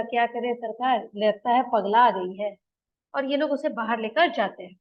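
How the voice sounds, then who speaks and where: Woman retelling a play, bright high voice. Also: muffled recording. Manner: mixes quoted dialogue with plain explanation. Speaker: teacher explaining a play. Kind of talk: retelling and explaining a drama scene.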